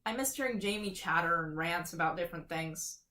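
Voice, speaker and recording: A woman's voice: fairly low pitch, brisk, sharp tone. A woman reading a horror story aloud in an amateur, casual way. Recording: echoey room.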